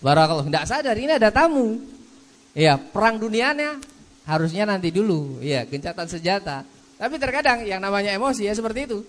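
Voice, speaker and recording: Here the ustadz's high voice turns sing-song and a little fast while he teaches a book on manners at a mosque study session. He keeps repeating a blessing phrase and plays out small scenes, all inside a long hall reverb.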